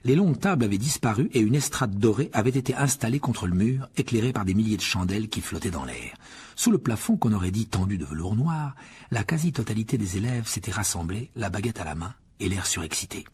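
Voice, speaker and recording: A man reading a children's fantasy novel aloud as audiobook narration, in an expressive storytelling manner. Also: lowish voice, a little fast, breathy edge. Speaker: audiobook reader. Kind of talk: scripted narration.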